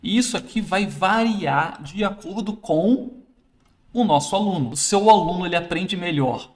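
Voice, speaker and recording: A man's voice: sits high, normal speed. Man explaining a classroom prop. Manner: explains while handling a classroom prop, self-correcting. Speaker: teacher trainer. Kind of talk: casual instructional demo.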